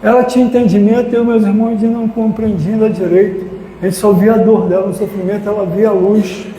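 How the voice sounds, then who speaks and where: A man tells a personal story at a spiritist lecture, turning to his listeners again and again. His voice sits high for a man but has a mellow, dark timbre. The sound bounces around a hall with a long reverb, and a faint hiss runs underneath. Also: little pitch movement, brisk. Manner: emotional storytelling, addresses audience directly.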